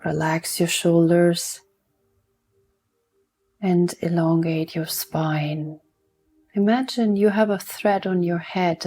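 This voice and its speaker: Unhurried and gentle, this woman leads a guided mindfulness meditation, letting long silences fall between each instruction. She has a lowish, creaky voice with a breathy edge.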